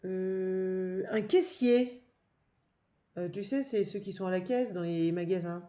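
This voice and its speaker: A woman's voice: medium pitch, takes it slowly, mellow. A woman teacher giving a recorded reading lesson to young children, speaking patiently and praising the listener often. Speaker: first-grade teacher. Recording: dull lo-fi, faint noise.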